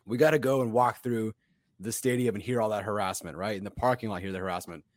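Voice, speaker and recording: A man co-hosting a casual sports podcast, his voice hoarse from yelling at a game. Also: lowish voice, fairly even intonation, quick pace, no room sound, clean studio sound. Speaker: podcast co-host. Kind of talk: animated casual sports chat.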